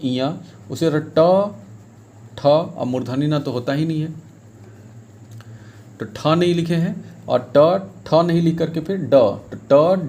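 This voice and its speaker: A man's voice: on the high side, a little mellow, a little hiss or hum. Man teaching a grammar lesson. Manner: explains step by step, repeats key points; speaks sample phrases in local dialect. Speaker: exam coaching teacher.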